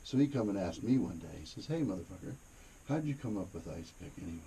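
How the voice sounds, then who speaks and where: Speaking fast and animated, a man with a warm, low-pitched voice spins rambling, foul-mouthed anecdotes with an easygoing air. He's inside a cave on a tour, and the noisy cave ambience fills the background.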